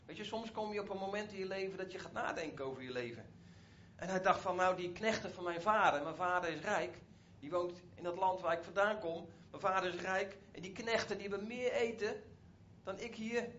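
A man's voice: high voice, a little fast, fairly bright tone, muffled recording, slight background noise. A man retelling a Bible story as a preacher, in a conversational way with frequent asides to his listeners.

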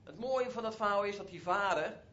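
A man's voice: high-pitched, a little fast, sharp tone, dull audio. A man retelling a Bible story as a preacher, in a conversational way with frequent asides to his listeners.

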